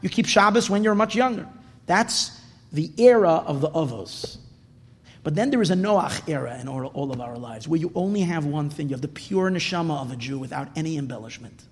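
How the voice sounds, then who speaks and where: Male rabbi, high voice, emphatic lecturing rhetorical questions, long room reverb. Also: expressive, fairly quick. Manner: emphatic, repeats phrases, asks and answers own questions. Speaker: rabbi teaching a Torah class. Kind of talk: religious lecture, teaching unscripted. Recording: reverberant hall.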